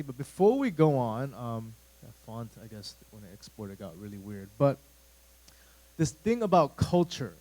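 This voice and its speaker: Rambling youth pastor, mellow voice. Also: male voice, mid-range voice, rough recording. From United States. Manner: rambling, conversational, lots of fillers and asides. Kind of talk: casual sermon talk to a youth group. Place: church room.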